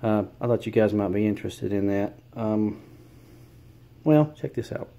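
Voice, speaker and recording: A man's voice: lowish voice, moderate pace, warm tone. A man with a Southern US accent talking casually to camera, hesitant and earnest with many ums and uhs.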